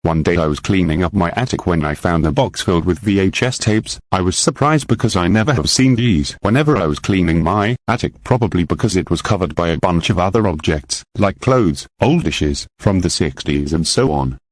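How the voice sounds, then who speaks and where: A young man reading a horror creepypasta aloud, halting and stumbling over the words. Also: low-pitched, expressive, no room sound. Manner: halting, stumbling read with slips and repeats. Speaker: creepypasta narrator. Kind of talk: amateur horror story reading.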